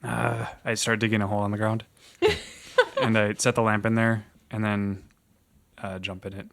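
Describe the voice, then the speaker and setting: Creaky low-voiced man playing tabletop games. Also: level tone, normal speed, a bit bright. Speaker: player. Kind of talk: casual tabletop role-play talk.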